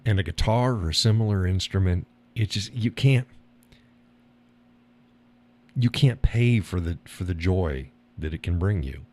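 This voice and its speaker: A man hosts a casual live stream, talking bluntly and rambling, swearing and laughing often, and mimicking other people in a higher voice. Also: lively intonation, unhurried, long pauses, darkish tone.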